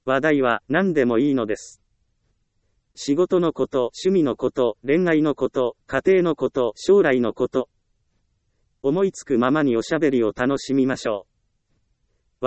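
A man giving scripted self-help narration in a calm, measured reading with frequent short pauses. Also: medium pitch, smooth, no echo, lo-fi sound.

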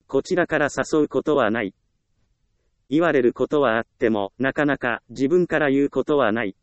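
Calm man reading advice, dry close sound. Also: mid-range voice, dry recording, muffled recording. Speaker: narrator. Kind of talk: scripted narration of a self-help book.

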